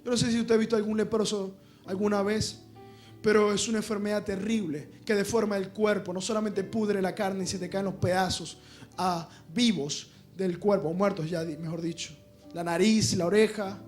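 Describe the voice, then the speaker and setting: A man preaching a sermon, swinging from loud impassioned shouting to quiet, hushed stretches. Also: sits high, fairly even intonation, normal speed, soft background music. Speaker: pastor.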